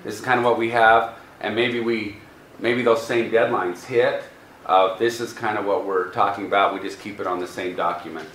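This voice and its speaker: An American man on a school district's staff gives an informal report and answers questions at a public board meeting indoors. He has a lowish, fairly bright voice with a steady tone and normal speed. The meeting room sounds echoey, with faint background noise.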